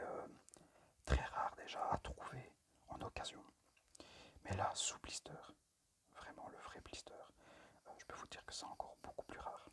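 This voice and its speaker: A man with a mid-range voice whispers so breathily that little sound comes through. As an amateur ASMR video creator, he's tentative and keeps pausing, his manner apologetic and unpolished.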